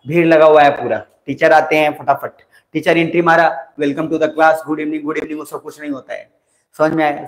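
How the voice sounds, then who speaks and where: Young man teaching in a roomy classroom. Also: a little high. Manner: talkative, dictates notes slowly, asks students if they follow. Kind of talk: exam coaching lecture. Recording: roomy echo.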